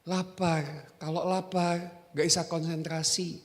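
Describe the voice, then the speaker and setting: A man preaching a sermon as pastor, animated and joking, repeating his exhortations. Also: a little high, slow. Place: church hall. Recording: echoey church hall.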